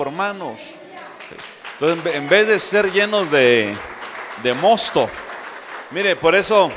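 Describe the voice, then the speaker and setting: A male preacher delivers a sermon. He builds emphasis and throws rhetorical questions at the congregation. His voice carries a long reverb from the church hall. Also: fairly high pitch. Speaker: apostle preaching.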